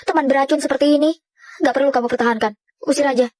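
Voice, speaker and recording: Woman doing a fierce young wife in a dubbed drama, high pitch, dry sound, faint music. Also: fairly even intonation, very fast, no echo, lightly acted. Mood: scolding. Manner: scolding, forceful. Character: outspoken young wife, sharp-tongued and fierce. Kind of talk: Indonesian drama dubbing.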